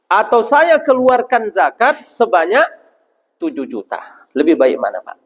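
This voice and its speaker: Lively high-pitched male preacher. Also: measured pace, husky. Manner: asks the audience questions and answers them himself; addresses listeners as Pak. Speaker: ustaz preacher. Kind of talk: religious lecture to a congregation. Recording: long hall reverb.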